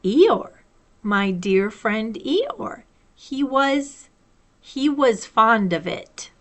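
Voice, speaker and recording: A woman voicing a dreamy, simple male bear from a storybook, with a wistful and halting way of talking. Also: a little high, big pitch swings, full character voice. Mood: solemn, sad.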